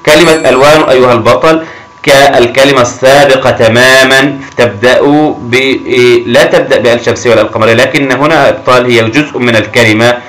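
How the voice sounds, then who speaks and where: A man's voice: medium pitch, steady tone, a bit bright, rough recording. Encouraging male teacher. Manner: encouraging, often praising pupils; stretches words slowly when reading aloud. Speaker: primary school teacher. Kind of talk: recorded grammar lesson for children.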